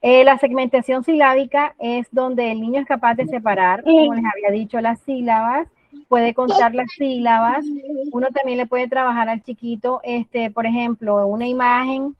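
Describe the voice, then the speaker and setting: A woman's voice: on the high side, fairly even intonation, no echo, muffled recording. Woman, speech therapist, patient teacherly explaining, dry close sound. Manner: patient, teacherly, models words slowly for children. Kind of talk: explanatory talk on language therapy.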